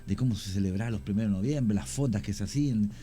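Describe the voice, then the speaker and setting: Telling cemetery stories during a radio studio conversation, this guest, a man with a Chilean accent, talks at length and often hesitates. He has a lowish, warm voice and speaks fast.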